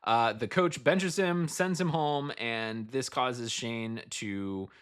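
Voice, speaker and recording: A man casually recapping a novel, animated and wry, with frequent swearing. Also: medium pitch, slow, clean tone. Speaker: book reviewer.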